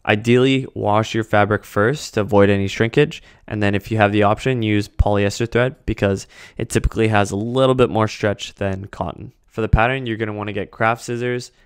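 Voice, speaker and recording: A man in his thirties walks through a sewing project one step at a time, casual and steady. His voice sits a little low and sounds smooth and clear. It is recorded dry and close on a studio mic at his desk. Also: no echo. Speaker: sewing tutorial host. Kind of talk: instructional voice-over. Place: home sewing studio, indoors. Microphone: studio mic on desk stand.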